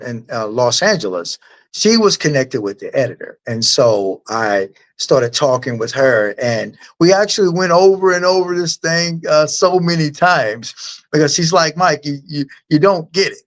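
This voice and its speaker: A man, a guest author, answering interview questions in a rambling, halting and earnest way. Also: medium pitch.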